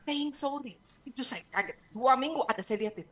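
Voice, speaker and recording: Lively middle-aged woman telling a story. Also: sits high, moderate pace. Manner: lively storytelling, sprinkles English phrases. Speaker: parenting and emotion coach, guest. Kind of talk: radio talk show interview.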